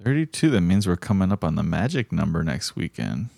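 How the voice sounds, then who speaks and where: A man's voice: sits low, sing-song, a little fast, creaky, warm tone, no room sound, clean studio sound. A man co-hosting a casual podcast from South Florida, rambling with fillers and restarts. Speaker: podcast co-host. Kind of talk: casual chat.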